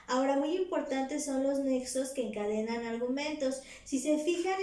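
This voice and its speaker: A woman's voice: on the high side, dark tone, distant mic. A woman teaching a recorded lesson, explaining step by step and dropping in affirming "ajá" and "ujú" as she goes. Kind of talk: recorded exam-prep lesson. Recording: roomy, echoey room.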